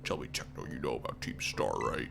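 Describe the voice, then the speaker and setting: A man's voice: animated, gravelly, a bit bright, faint music behind, heavily acted. A man putting on a fake voice-changer voice to play a secretive hacker character while playing a game. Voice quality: mock voice-changer voice, pitched far down. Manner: slow, low, secretive. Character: mysterious hacker speaking through a voice changer. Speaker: gamer reading character dialogue.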